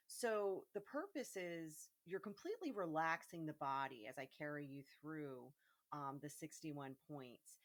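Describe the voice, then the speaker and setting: A young woman with a low, grounded voice, speaking as a yoga teacher in a relaxed, casual way. She talks gently and unhurriedly, with frequent ums and endings that soften and trail away. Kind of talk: casual spoken introduction to a guided meditation.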